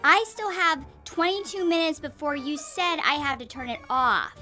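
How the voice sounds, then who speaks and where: A woman's voice: high-pitched, moderate pace, pushed and bright, soft background music, pitched above the performer's own voice. A woman voicing an earnest, polite five-year-old boy in a narrated story, with childlike delivery. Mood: defensive. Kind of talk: acted storybook dialogue.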